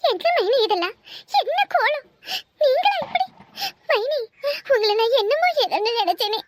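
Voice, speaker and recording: In this cartoon voice-acting clip, a woman plays a scheming, bossy young married woman, speaking with a Kanyakumari Tamil accent. Her voice is very high-pitched with lively intonation and no echo, and she scolds and bosses in fast chatter.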